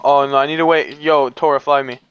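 A young man chatting during an online game, excitable, repeating himself and swearing. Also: a little high, a little fast, clean tone, faint music behind. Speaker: gamer in voice chat. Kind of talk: casual gaming chat. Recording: dull lo-fi mic with faint noise.

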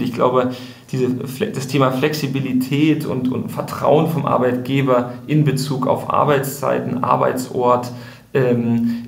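This gravelly, mid-range male voice belongs to a podcast interview guest who explains things thoughtfully. He leans on lots of fillers and keeps restarting his sentences, and the recording has a roomy echo.

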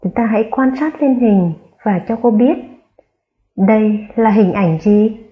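A slow, patient woman primary school teacher runs a careful online phonics lesson for young children in a muffled recording. Her delivery is drawn out as she spells sounds aloud, rising high on key words.

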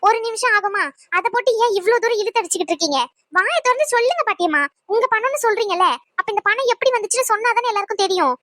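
A woman voicing a sharp-tongued young granddaughter in a cartoon, who presses her questions insistently. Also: very high-pitched, expressive, racing, dry recording, pitched above the performer's own voice. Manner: insistent, argumentative. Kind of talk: cartoon voice acting.

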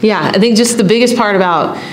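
At a postgame press conference, a head coach, a middle-aged woman with a mid-range voice, fields questions from reporters. Her delivery into the table mic is steady and measured, and the room is echoey with a faint hum in the background.

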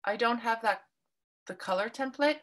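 This art workshop instructor from Canada guides participants through a paper craft project online, kindly and patiently explaining each stage. Her voice leans high with a fairly bright tone, delivered at a moderate pace.

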